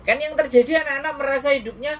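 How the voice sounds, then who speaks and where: A woman from Indonesia hosting an interview, talking in an animated, reflective way. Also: high voice, quick pace. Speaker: host, interviewer. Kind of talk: casual interview chat. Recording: distant mic, faint noise.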